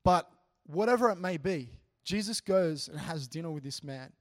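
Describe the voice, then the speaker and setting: A man preaching in a relaxed, conversational way, telling stories earnestly and animatedly, with frequent "you know" asides. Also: fairly high pitch, normal speed. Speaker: preacher sharing a testimony. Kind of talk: conversational sermon storytelling.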